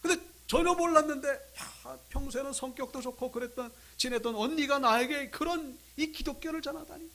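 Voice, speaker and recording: A male pastor preaching a Sunday sermon, telling a story dramatically and swinging between loud outbursts and hushed moments. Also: very high voice, a little fast, few pauses, a little hiss or hum. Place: church sanctuary.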